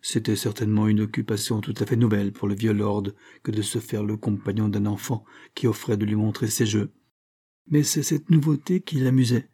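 A man narrating a classic children's novel as an audiobook, in a measured storytelling voice. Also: fairly low pitch, fairly even intonation, mellow, husky.

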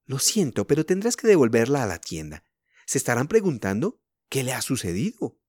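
A man voicing a gentle, patient mother who speaks in a soothing but firm way. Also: medium pitch, huge pitch swings, brisk, dry recording, clean studio sound.

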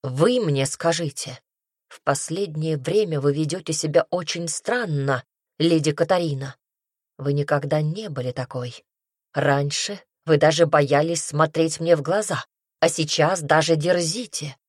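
A woman's voice: low voice, measured pace, slightly rough, dry recording, clean studio sound. A woman reading an audiobook, voicing a proud young nobleman who hisses his words in a clipped, reproachful way. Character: cold, proud young nobleman, quick to anger. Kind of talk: audiobook character voice.

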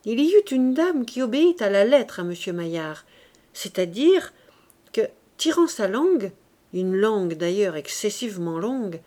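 A woman reading a classic tale aloud as an audiobook narrator, slow and measured, giving the characters' dialogue its own delivery. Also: a little high, warm tone. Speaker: audiobook reader. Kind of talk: scripted narration.

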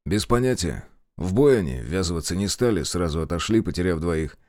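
A man's voice: low-pitched, animated, fairly quick, darkish tone, no echo. A man doing a wry, weary officer. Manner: dry, wry, understated.

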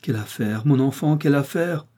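A man reading aloud and voicing an excitable, portly middle-aged pharmacist who speaks in effusive exclamations. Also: medium pitch, brisk, pitched above the performer's own voice, lightly acted. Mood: elated.

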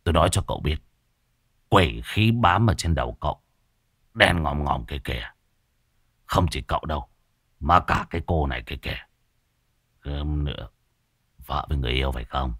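A man voicing an old exorcist who speaks low and hushed with an ominous tone. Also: expressive, moderate pace, long pauses, breathy edge, no room sound, studio quality, heavily acted. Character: grim old exorcist warning of ghosts.

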